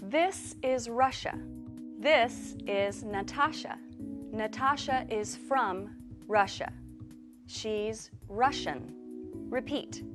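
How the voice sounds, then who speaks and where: A woman teaching a beginner English lesson, with slow, clear, drilled delivery. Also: on the high side, over music.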